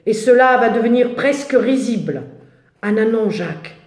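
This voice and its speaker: A woman's voice: on the high side, lively intonation, normal speed, a little mellow. Woman voicing an anxious, grumbling male disciple, echoey. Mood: scornful complaining. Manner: agitated, complaining, exclamatory. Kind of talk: dramatic biblical storytelling. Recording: echoey, roomy sound.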